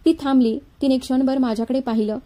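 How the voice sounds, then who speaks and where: A woman narrating a dramatic story in a measured, even storytelling manner. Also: sits high.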